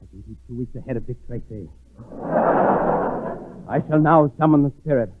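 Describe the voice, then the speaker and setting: A man's voice: medium pitch, moderate pace, lightly acted. A man playing a bumbling swami fortune teller with mock-mystical, incantatory delivery in a 1940s radio comedy. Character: bumbling male mystic swami with a crystal ball. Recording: tinny 1940s radio broadcast.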